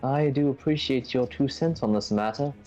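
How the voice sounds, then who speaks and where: A man's voice: medium pitch, moderate pace, dark tone, dull audio, soft background music. A man hosting a tabletop role-play and playing his character, speaking politely and inquisitively. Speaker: host and player.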